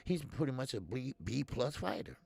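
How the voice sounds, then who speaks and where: A man's voice: mid-range voice, animated, moderate pace, creaky, a little mellow, husky, no room sound. A man in his fifties hosting a casual boxing talk stream, blunt and talkative, answering viewers' comments as he goes. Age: 50s. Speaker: boxing show host.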